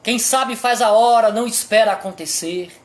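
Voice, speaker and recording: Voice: mid-range voice, moderate pace. A pastor with a Brazilian accent preaching a sermon, asking the congregation rhetorical questions and pressing each point with emphasis.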